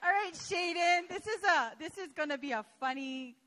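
Giggly high-voiced church lady slowly doing an interview, pitch bouncing all over. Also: lively intonation, fairly bright tone. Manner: giggly, halting. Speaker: pastor's wife, interviewer. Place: church sanctuary.

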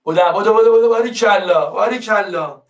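High-voiced teacher calling on pupils. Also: male voice, echoey room, distant mic. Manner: coaxing, repeats prompts to pupils. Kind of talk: online class lesson.

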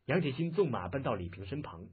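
A man reading a martial-arts novel aloud as a dramatic, animated audiobook narrator. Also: medium pitch, quick pace, breathy edge. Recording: muffled, phone-like lo-fi audio.

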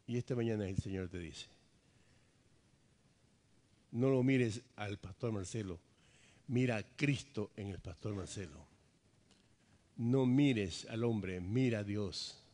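A man's voice: fairly low pitch, takes it slowly, pauses often, mellow. A male pastor preaching an impassioned sermon in repetitive phrases, then leading a fervent prayer aloud.

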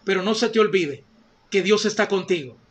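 A man's voice: high voice, normal speed, fairly bright tone. A pastor preaching a sermon with fervent delivery, calling his listeners brothers and sisters.

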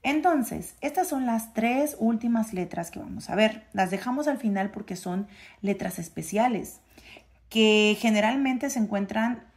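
A woman's voice: fairly high pitch, a little slow, a little mellow. A woman, reading a phonics book aloud to a child and sounding out the letter sounds in a sing-song way.

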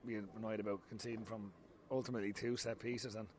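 Irish man in his forties, football manager, rapid and candid, stop-start phrasing, recorded pitchside at night. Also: flat delivery, a little mellow, slight background noise. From Ireland. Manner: frank, repeats himself, many restarts. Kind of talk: post-match interview. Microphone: handheld mic held close.

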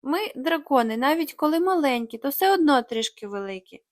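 A woman's voice: sits high, animated, a little fast, no room sound, clean studio sound. A woman voicing a naive little boy dragon, childish and plaintive.

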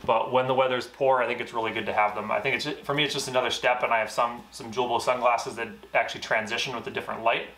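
A man's voice: medium pitch, fairly even intonation, quick pace, hardly any pauses, bright, forceful tone. A man in his thirties, a mountain guide, casually explaining his gear with frequent fillers. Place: indoor garage gear room. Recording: echoey room.

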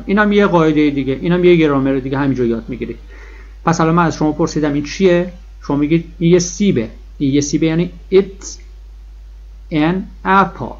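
A man teaching an English grammar lesson in a classroom style, stressing and repeating key points and stretching out example words slowly. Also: on the high side. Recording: dull lo-fi husky recording.

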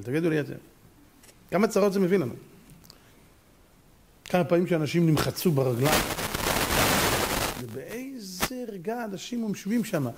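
Animated high-voiced male rabbi preaching. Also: slight background noise. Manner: animated, rhetorical questions, sharp pitch swings. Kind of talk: sermon.

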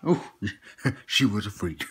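A man's voice: lowish voice, animated, slow pace, fairly bright tone, husky, exaggerated voice. A man playing a boastful old grandpa who tells tall tales in a folksy, slangy drawl and chuckles between lines. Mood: teasing. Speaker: comedy skit performer. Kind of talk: comedic character monologue.

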